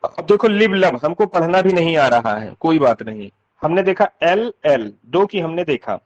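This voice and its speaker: A man teaching English literature terms in casual speech, explaining slowly, repeating sounds and often checking that students follow. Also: a little high, sing-song, lo-fi sound.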